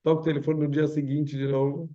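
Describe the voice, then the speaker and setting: A man's voice: a little high, quick pace. Man teaching over a video call. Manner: storytelling, acts out parables with lively voices. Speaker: rabbi teaching Psalms. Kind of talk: religious lesson. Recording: dull lo-fi video call audio.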